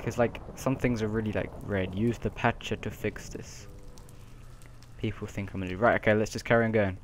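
A man's voice: fairly low pitch, steady tone, a little fast, slight background noise. A young man giving casual, playful commentary while playing a game with a friend, humming and yelping as he goes. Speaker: gamer.

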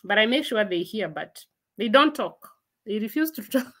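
Speaking at normal speed in an animated, medium-pitched voice, a woman in her forties runs a casual livestream from a room at home. She's chatty, laughs a lot, and reads and answers viewer comments into a laptop mic.

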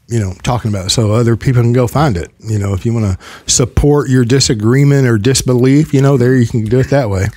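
A man's voice: medium pitch, darkish tone, no echo. Older man hosting a podcast, dry close sound. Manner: rambling storyteller with frequent throat clearing. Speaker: podcast host. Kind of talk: casual podcast conversation. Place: small office studio. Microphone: desk podcast mic on boom arm.

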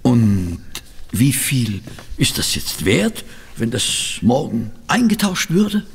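An actor playing an amiable, excitable gentleman doctor and sidekick, flustered and hesitant, in a German audio drama. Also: medium pitch, slow, vocal fry, big-room sound, a little hiss or hum, full character voice. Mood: curious.

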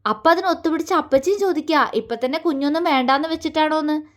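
A woman's voice: high-pitched, pitched above the performer's own voice, lightly acted. Woman voicing a shy young wife. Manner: hesitant, halting, soft.

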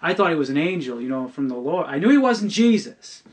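A slightly high, sing-song voice belongs to a middle-aged man telling his personal testimony on a podcast. He is earnest and halting, repeatedly restarting and saying words twice.

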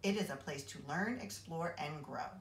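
A woman reading a children's novel aloud in an expressive, animated way. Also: low-pitched, moderate pace. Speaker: assistant principal reading aloud. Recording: roomy echo.

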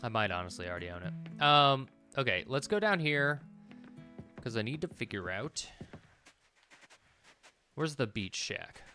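With game music playing, a thirty-something man hosts a gaming video from a small room at home, offering casual let's play commentary. He mutters and swears offhandedly in an animated, bright, forceful mid-range voice, taking his time with long pauses.

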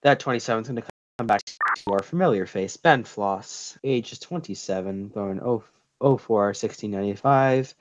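A man's voice: on the low side, moderate pace. Man dispatching over muffled police radio. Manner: clipped, procedural, uses radio codes. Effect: heard over police radio. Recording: muffled radio with faint hiss.

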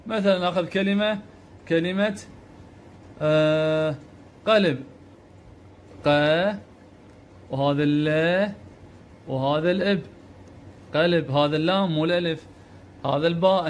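A man with an Iraqi Arabic accent gives a reading lesson, sounding out each letter and syllable and patiently repeating them. His voice sits a little high for a man. A faint hiss runs under the recording. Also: steady tone, fairly quick, pauses often. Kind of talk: slow step-by-step lesson.

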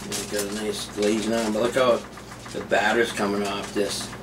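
A middle-aged man's lowish, level voice moves at a normal pace as he cooks and tastes food at home for his vlog. His chatter is offhand and meandering, with frequent restarts. The recording is distant, taken on a camera mic set back in the room, with background noise.

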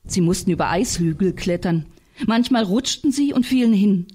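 A woman reading literary prose aloud in a staged reading, telling it in a calm, measured way. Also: medium pitch, breathy edge. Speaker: reader.

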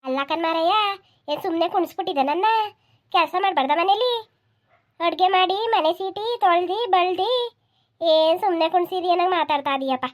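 A woman voicing a busy, sharp-tongued village housewife in a comedy cartoon, speaking in a scolding, sing-song way. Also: very high voice, a little fast, highs cut off. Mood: complaining.

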